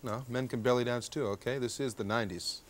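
Talking fast in a medium-pitched voice, a man in his thirties runs a jokey cooking demonstration for TV from a backyard grill deck outdoors. He's chatty, cracks jokes, and frequently caps his lines with "okay?", with slight noise in the background.

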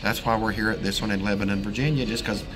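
A man's voice: lowish voice, steady tone, fast, over music. A middle-aged man hosting a casual food vlog, talking in a rambling, folksy way with lots of fillers, recorded inside a parked vehicle. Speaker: vlog host. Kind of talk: casual food review chat.

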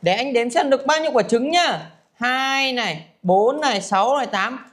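An easygoing, generous older brother, played by a woman in a comedy family skit. He talks in a high, relaxed voice, showing things off. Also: normal speed. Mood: cheerful.

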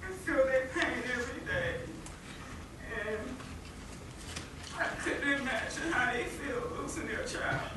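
Slow, echoey woman's defendant allocution. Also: sits high. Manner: halting, apologetic, repeats herself. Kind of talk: defendant allocution, apology statement to a court. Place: large courtroom, standing away from the microphone. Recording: distant, echoey, noisy courtroom recording.

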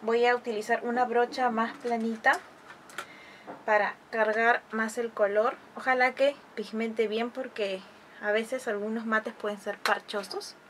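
A woman's voice: on the high side, fairly even intonation, measured pace, fairly bright tone, slight background noise. Chatty woman reviewing makeup. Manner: chatty, explanatory, uses many diminutives. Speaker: beauty vlogger.

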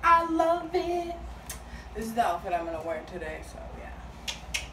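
A woman's voice: fairly high pitch, big pitch swings, unhurried. A young woman chats upbeat about her outfits, her words often trailing into mumbles. She sounds a few steps away from the phone camera, with the kitchen adding an echo and a noisy background hiss. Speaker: fashion vlogger. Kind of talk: casual haul vlog. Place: small home kitchen, indoors. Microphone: phone camera set far across the room. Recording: echoey room, mic far off, noisy.

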